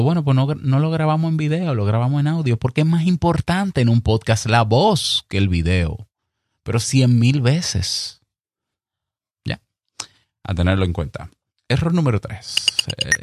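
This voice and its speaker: A man with a Dominican accent hosting a podcast, giving emphatic, direct advice and speaking slowly and clearly on purpose. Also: mid-range voice, darkish tone, dry recording, clean studio sound. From Dominican Republic. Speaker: podcast host. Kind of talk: advice talk to fellow podcasters.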